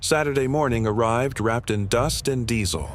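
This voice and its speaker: A man reading a heartfelt animal story aloud in a measured, steady storytelling manner. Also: mid-range voice, a little hiss or hum. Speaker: narrator. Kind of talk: scripted story narration.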